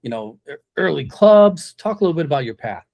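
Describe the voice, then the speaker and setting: Chatty podcast host. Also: male voice, a little high, sing-song, fairly quick, creaky, a little mellow. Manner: jokey, chatty, many fillers. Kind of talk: casual interview conversation.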